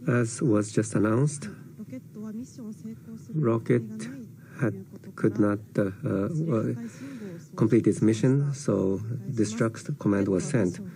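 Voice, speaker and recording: A man doing live translation voice-over for a broadcast, speaking in halting, piecemeal phrases. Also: fairly low pitch, gravelly, a crowd in the background, rough recording. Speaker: live interpreter for a launch broadcast.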